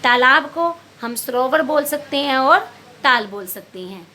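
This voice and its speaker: Animated and a little slow, a woman teacher with a high, pushed, bright voice explains a Hindi workbook exercise to small children. She asks them questions and supplies the answers herself, patiently addressing them as beta.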